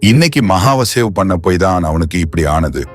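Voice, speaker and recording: A man's voice: low voice, expressive, brisk, soft background music. A man voicing a grieving young police officer who speaks in a tearful, heartfelt way in an audio novel.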